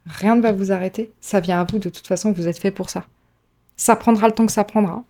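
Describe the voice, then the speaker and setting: A woman's voice: mid-range voice, steady tone, a little fast, dark tone. Chatty woman giving a tarot reading. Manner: chatty, laughs at herself, many fillers. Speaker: tarot reader. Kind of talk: casual tarot reading to camera.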